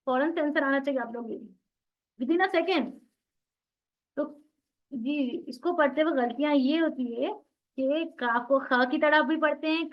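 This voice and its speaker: A woman teaching an online recitation class, explaining patiently, asking the class questions and repeating sounds over and over for practice. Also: high voice. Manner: asks the class questions then answers them. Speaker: Tajweed teacher. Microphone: video call. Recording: dull lo-fi online class audio.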